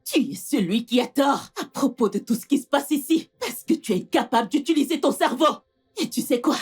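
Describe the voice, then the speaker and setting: A woman dubbing a vengeful, obsessive woman who shouts insults and threats. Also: high voice, animated, a little fast. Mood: furious. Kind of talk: dubbed film acting.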